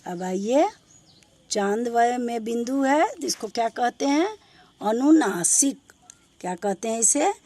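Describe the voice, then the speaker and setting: A woman teaching a grammar lesson to children. She asks them questions and answers herself, repeating each point. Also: mid-range voice. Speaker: school teacher. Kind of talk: slow classroom Hindi grammar lesson.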